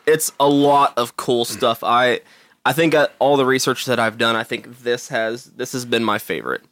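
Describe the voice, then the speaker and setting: A young man co-hosts a podcast in loose, casual chat, rambling through fillers and laughing often. His voice sits at an ordinary middle pitch. The recording is dry and close. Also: moderate pace, a bit bright, dry recording. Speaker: podcast co-host.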